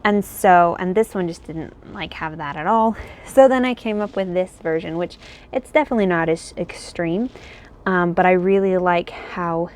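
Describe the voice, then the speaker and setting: Rambling woman with a lowish voice. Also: moderate pace. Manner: rambling and thinking aloud, many fillers. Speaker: crochet pattern designer. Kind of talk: casual chat. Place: home, indoors.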